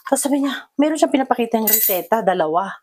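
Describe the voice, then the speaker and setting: A woman's voice: rapid-fire, a little hiss or hum. Chatty Filipino woman retelling a dream. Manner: animated retelling, acts out her own quoted lines in a higher voice; many fillers and code-switching into English phrases. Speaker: vlogger. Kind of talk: casual storytelling vlog.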